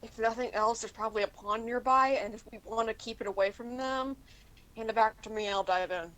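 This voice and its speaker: A woman's voice: fairly high pitch, steady tone, a little fast, a bit bright, poor audio. A woman talking casually as a player in a tabletop role-playing game.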